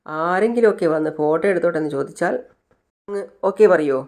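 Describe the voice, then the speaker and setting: A woman's voice: on the low side, quick pace, darkish tone, lightly acted. A narrator retelling a TV serial scene, voicing a jealous, possessive young woman who scolds sharply. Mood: jealous scolding.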